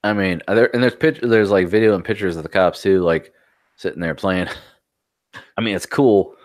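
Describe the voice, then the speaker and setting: A man with a very deep voice co-hosts a tech podcast in loose, rambling chat. He tells stories and swears offhand. The recording is dry and close, with almost no room sound. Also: moderate pace, no echo. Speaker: podcast co-host.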